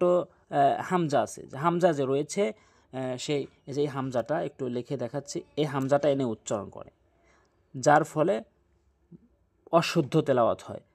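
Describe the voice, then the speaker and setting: A man teaching Quran recitation, chanting verses slowly and drawn out, then explaining pronunciation mistakes briskly. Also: on the high side, darkish tone.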